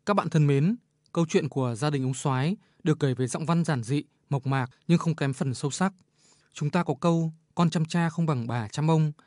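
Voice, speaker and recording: A man, a radio editor, reading a measured, reflective commentary on a short story. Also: a little high, a little mellow, no room sound, studio quality. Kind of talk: scripted literary commentary.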